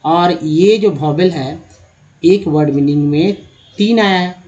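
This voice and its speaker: A man's voice: a little high, slow pace, darkish tone, highs cut off. A man with a Hindi accent teaching English pronunciation, patiently drawing out the words he demonstrates. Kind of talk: explaining pronunciation to learners.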